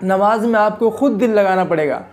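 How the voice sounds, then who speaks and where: A man's voice: sits high, fairly quick. A man hosting an Islamic advice talk for video, earnest and exhorting, often repeating phrases to press his point. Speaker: religious video host.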